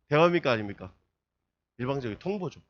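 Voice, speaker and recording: A man's voice: medium pitch, lively intonation, fast. A man preaching a sermon to a youth group, asking his listeners one rhetorical question after another. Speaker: youth pastor. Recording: dull lo-fi sermon recording.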